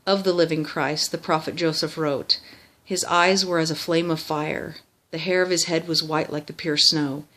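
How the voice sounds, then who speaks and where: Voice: medium pitch, fairly even intonation, normal speed, hardly any pauses, fairly bright tone. A person reciting a memorized religious text by rote, formal in wording, with small stumbles and self-corrections.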